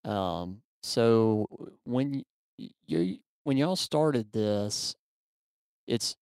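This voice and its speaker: A man hosting an interview, relaxed and chatty, filling his sentences with ums. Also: on the low side, drawn-out words, smooth, no echo, studio quality. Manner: relaxed, filler-heavy with frequent ums. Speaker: podcast host. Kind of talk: casual interview.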